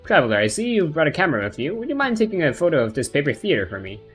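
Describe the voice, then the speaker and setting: A man voicing a calm, dryly teasing companion from a video game, polite and measured, in an amateur read-aloud. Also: a little high, faint music behind, pitched above the performer's own voice.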